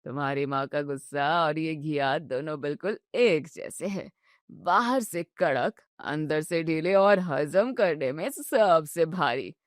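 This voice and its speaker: Lady doing a deep-ish joking old father-in-law, drawls out his teasing lines, dry close sound. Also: slow, no room sound. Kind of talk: storybook narration.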